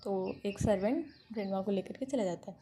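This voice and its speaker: A woman's voice: medium pitch, a little fast, dark tone, a little hiss or hum. A woman casually retelling a fan fiction story, chatty, often correcting herself mid-sentence. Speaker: narrator.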